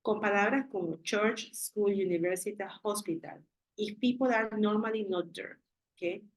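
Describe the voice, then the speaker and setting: A woman's voice: mid-range voice, a little slow, rough recording. A woman teacher explains English grammar in a video-call class, switching between Spanish and English and working patiently through one example after another.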